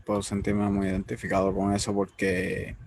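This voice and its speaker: A man hosting an interview, speaking in a confessional, emotional way about his faith with drawn-out pauses. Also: low-pitched, monotone, darkish tone, a little hiss or hum. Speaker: interviewer, host. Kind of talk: personal faith conversation.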